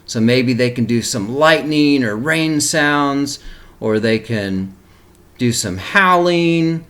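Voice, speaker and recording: A man's mid-range, somewhat bright voice moves slowly and expressively as he reads a picture book to young children. He plays the teacher, animating the story and stopping for explanatory asides.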